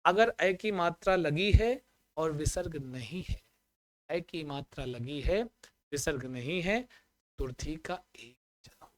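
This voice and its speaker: A man teaching a Sanskrit exam-prep lesson online, chanting word forms slowly and coaxing his students with questions he answers himself. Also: on the high side, expressive. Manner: asks the class questions and answers them himself.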